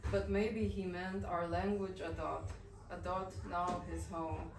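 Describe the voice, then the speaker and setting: This Bosnian poet, a native Bosnian-Croatian-Montenegrin-Serbian speaker, speaks in a low voice that barely moves in pitch as she reads, not in English. Between poems she halts gently, filling gaps as she introduces the next piece. It's a café reading, recorded in a roomy, echoey space where she sounds distant amid background noise.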